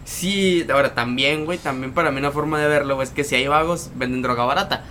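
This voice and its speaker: A man's voice: on the high side, quick pace, bright, forceful tone, slight background noise. A young man, telling a street story in a casual podcast chat, full of slang and repeated words. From Mexico. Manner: slangy, repeats words and tags lines with "güey". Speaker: podcast co-host.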